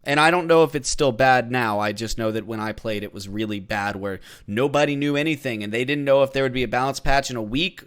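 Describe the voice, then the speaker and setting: Man, podcast co-host, blunt, opinionated, slow emphatic stresses. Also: mid-range voice, fairly bright tone, smooth. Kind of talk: casual podcast discussion.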